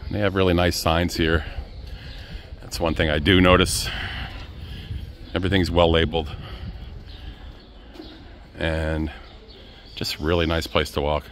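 A man with a low, deep voice narrates a casual walking tour out in the streets. He talks in a relaxed, chatty way and keeps calling his viewers "guys". Faint traffic hums in the background. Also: measured pace, long pauses. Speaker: travel vlogger. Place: outdoors on city streets. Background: faint street and traffic noise.

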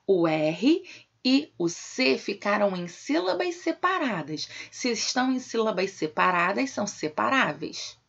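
A Brazilian primary school teacher instructs young children remotely, warmly calling herself "tia" and using affectionate diminutives with her pupils. Her medium-pitched voice has vocal fry and a slight roughness, with a Brazilian Portuguese accent. The recording has the dull, lo-fi sound of a home video.

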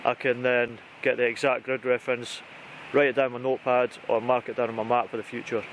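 A British outdoor vlogger, in his thirties, talks fast in a level, medium-pitched voice while casually showing his gear to camera. He's recorded outside in a conifer wood where background noise comes through clearly.

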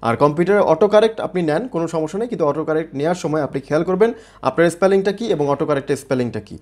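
A man gives a spelling lesson in a quick, slightly raised voice. He builds each point in small steps and spells words out letter by letter. He keeps checking that his viewers follow along. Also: a little high, a little mellow. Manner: explains step by step with many checks like "okay?". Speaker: English teacher.

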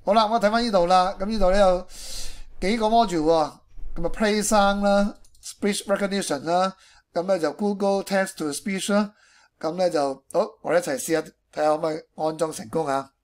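A man with a Hong Kong accent and a high-pitched voice explains things step by step in an informal tutorial style. He peppers his speech with English technical terms. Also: brisk. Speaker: programming tutorial presenter.

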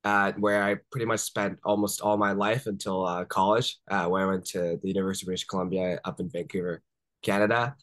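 A deep, level-toned, fairly bright voice belongs to a young startup founder in his twenties who was born in Japan and grew up in the Washington DC area. Speaking fairly quickly on a dry recording, he tells stories casually in an interview over a video call from home, chatty, laughing easily, and leaning on fillers like "uh" and "like."

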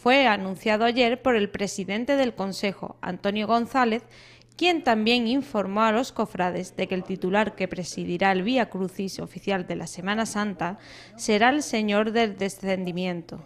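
A woman's voice: medium pitch, normal speed. A woman with an accent from Spain narrating a scripted news report as a reporter.

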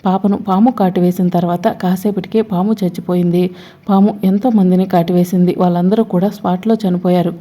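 A scheming middle-aged snake charmer who grumbles over money, read by a woman in her own narrating voice. The tone stays mellow and low in brightness, with no real change of voice for the figure. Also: lightly acted.

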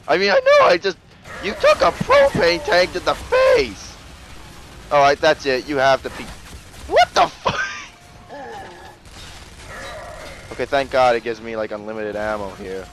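A man giving casual gameplay commentary, excitable and jokey, with frequent exclamations and swearing. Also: medium pitch, vocal fry, noisy background. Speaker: gamer narrating a let's play.

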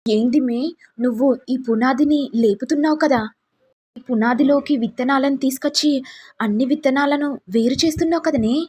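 A woman's voice: high-pitched, fairly quick, dark tone, slightly rough. A woman doing a coarse scheming mother. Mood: conspiring. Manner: coarse, conspiratorial.

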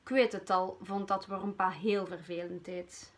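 A woman's voice: mid-range voice, fairly even intonation, a little slow. A Flemish woman teacher reading a storybook aloud to children.

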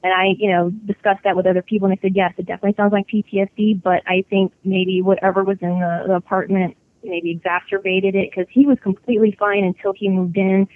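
A woman's voice: medium pitch, level tone, fast, hardly any pauses. A woman telling a personal ghost story in an interview, chatty, with many fillers and restarts. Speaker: interview guest. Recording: phone-line sound.

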